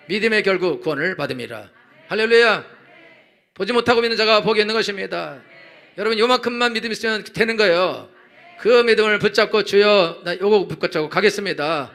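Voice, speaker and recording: A man's voice: high-pitched, a bit bright. A male pastor giving an Easter sermon, preaching emphatically, calling out hallelujahs and praying aloud. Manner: emphatic preaching with repeated hallelujahs and voiced prayers. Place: church sanctuary.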